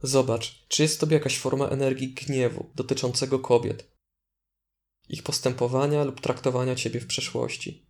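Calm man guiding a meditation, even-toned. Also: medium pitch. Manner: calm, deliberate, instructing with gentle prompts. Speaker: guided meditation instructor. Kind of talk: guided meditation narration.

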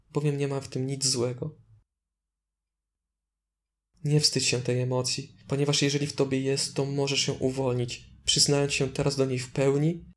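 A man leading a guided meditation as instructor, speaking in a calm, deliberate way with gentle prompts. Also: mid-range voice.

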